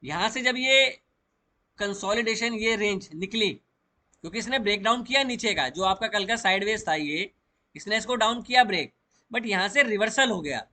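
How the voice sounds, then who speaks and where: Bright-voiced man teaching chart trading. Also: high voice, expressive, moderate pace. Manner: explains step by step, mixing English trading terms into Hindi. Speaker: stock market trading educator. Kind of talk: chart walkthrough lesson.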